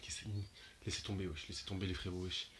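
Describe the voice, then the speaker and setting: A young man giving casual reaction commentary to his viewers, slangy and excitable, his voice jumping high and loud when he is shocked. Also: fast talker, slight background noise. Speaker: anime reaction YouTuber.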